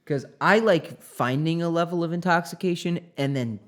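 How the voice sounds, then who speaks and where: A man's voice: on the high side, normal speed. A young man in college co-hosting a podcast, telling stories loosely with lots of fillers. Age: young adult. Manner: loose, filler-heavy storytelling. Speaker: podcast co-host. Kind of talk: casual chat.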